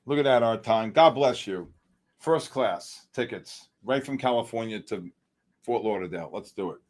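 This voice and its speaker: Hosting a live trading stream, this middle-aged man is excitable, cracking jokes and pumping up his audience. He speaks at a moderate pace in a lowish voice.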